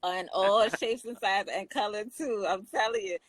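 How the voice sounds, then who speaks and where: A woman's voice: mid-range voice, normal speed, rough recording. A woman with a Jamaican accent chatting casually on a talk show, laughing often and restarting her sentences. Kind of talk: casual chat.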